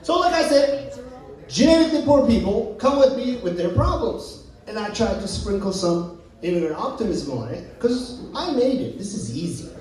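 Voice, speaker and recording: A man's voice: very high-pitched, big pitch swings, normal speed, darkish tone. A man from Turkey, performing a brash, profane stand-up set in a lounge. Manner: brash, profane, punchy delivery. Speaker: stand-up comedian. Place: lounge stage. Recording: echoey room from a distant mic.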